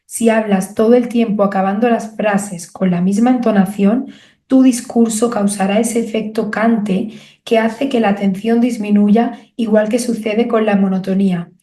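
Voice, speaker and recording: A woman's voice: mid-range voice, fairly even intonation, warm tone, echoey room. Woman narrating a speaking-skills audiobook. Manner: clear, measured, didactic delivery with rhetorical questions.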